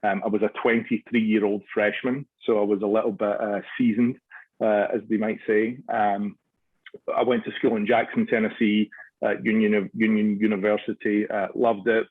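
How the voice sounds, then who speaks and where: A man's voice: fairly low pitch, level tone, normal speed, slightly rough, no room sound, narrow, tinny audio. A Scottish man in his forties, a soccer club director, answering radio interview questions with many restarts and fillers. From Scotland.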